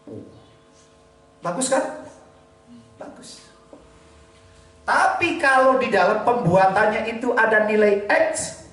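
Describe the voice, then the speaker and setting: A man's voice: high-pitched, recorded from a distance. A man with a Javanese accent teaching a Ramadan kitab study as a boarding-school teacher, reading Arabic phrases with a Javanese gloss and then explaining them. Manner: acts out weeping prayers in a hushed voice. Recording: very echoey hall.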